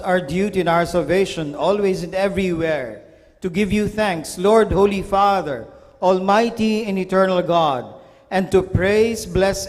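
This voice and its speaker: High-voiced priest in cathedral echo. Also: male voice. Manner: solemn, measured intoning. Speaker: priest celebrating Mass. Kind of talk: liturgical prayer recitation. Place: large church. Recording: long church reverb.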